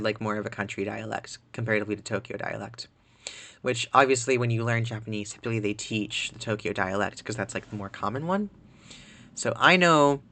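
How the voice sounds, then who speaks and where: A man chats casually while streaming a game, rambling along and dropping "like" everywhere. His voice has a bright, forward timbre at a middle pitch. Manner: chatty, rambling, full of "like". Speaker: live-streamer. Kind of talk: casual chat while gaming.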